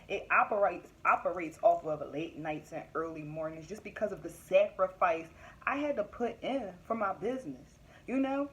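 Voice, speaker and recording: Candid young woman giving emphatic advice. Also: medium pitch. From Philadelphia area, US. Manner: candid, emphatic, laughs often, repeats points. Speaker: vlogger and business owner. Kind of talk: casual motivational talk to camera.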